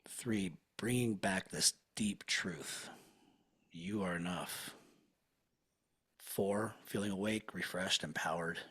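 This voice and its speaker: A man leading a guided hypnosis session in a slow, soothing, hushed manner. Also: low-pitched, husky.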